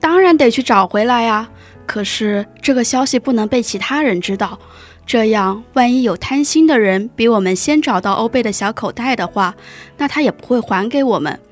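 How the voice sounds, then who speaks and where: A fretful villager shopkeeper from a storybook, as a woman narrator puts him on, pitched high and kept low and hushed. Faint music plays behind. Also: lively intonation, moderate pace. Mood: anxious. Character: anxious shopkeeping villager friend. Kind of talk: storybook reading.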